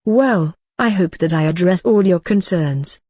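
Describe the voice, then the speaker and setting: A woman playing a reassuring ward nurse in a scripted role-play, speaking gently, calmly and rather formally. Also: on the low side, a little slow, no echo, studio quality. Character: reassuring female ward nurse counselling a patient. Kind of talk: scripted role-play dialogue for exam practice.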